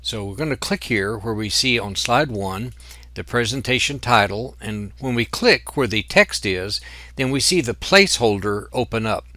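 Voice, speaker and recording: A man teaching software in a screen-recorded tutorial, explaining each step patiently. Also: medium pitch, expressive, moderate pace, no room sound. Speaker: software instructor.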